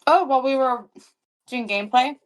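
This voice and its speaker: A woman's voice: high voice, normal speed. A woman player in casual chat on a tabletop game stream, friendly, a bit sheepish, laughing easily.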